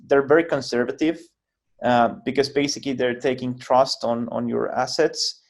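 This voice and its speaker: A man from Finland, speaking English, talks through technical ideas as an interview guest over a video call. His delivery is halting, full of repeated words and restarts as he builds each explanation. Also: mid-range voice, fairly even intonation. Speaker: guest, project founder.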